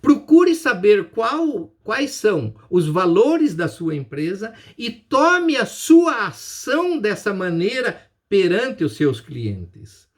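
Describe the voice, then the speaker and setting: A man's voice: sits high, very animated, takes it slowly. A man with a Brazilian Portuguese accent giving a business lecture, emphatic, asking and answering his own questions. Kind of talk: recorded lecture.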